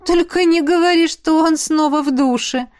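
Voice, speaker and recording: A woman reader voicing an excited, bubbly young female friend who squeals as she talks. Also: very high-pitched, moderate pace, voice pushed up. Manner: squealing, gushing.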